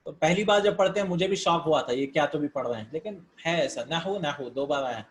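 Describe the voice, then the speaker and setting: Here a man with a rather high voice walks through Arabic grammar in a laid-back way. He pronounces words, explains them using some English terms, and at times thinks out loud.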